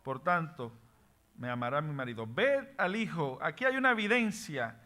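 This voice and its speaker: A man's voice: on the high side, sing-song, normal speed, bright, forceful tone. A man teaching a Bible study class, reading scripture aloud and explaining what names mean while asking the class questions. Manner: switches between Spanish and English words.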